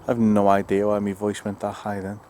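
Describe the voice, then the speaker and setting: A man's voice: lowish voice, monotone, a little fast, a little mellow, slight background noise. A man investigating the paranormal, calling out to spirits and joking wryly to camera, outdoors in woods at night. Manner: dry, wry humor.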